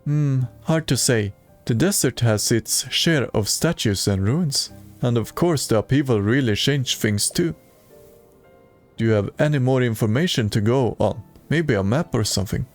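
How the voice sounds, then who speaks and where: A man's voice: mid-range voice, expressive, normal speed, soft background music. A man streaming a video game and reading its dialogue aloud in a plain way, with occasional stumbles.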